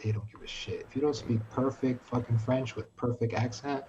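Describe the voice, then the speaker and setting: A New York man appears as a podcast guest in a casual chat, telling an animated story full of swearing and acting out the dialogue. His mid-range voice moves briskly, the highs are cut off, and there's noise in the background.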